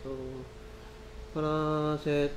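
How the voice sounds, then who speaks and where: A man's voice: a little high, takes it slowly, over music. A man tutoring phonics one-on-one, patiently drilling sounds and explaining each step. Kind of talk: repeat-after-me phonics drill. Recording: echoey room with steady hum.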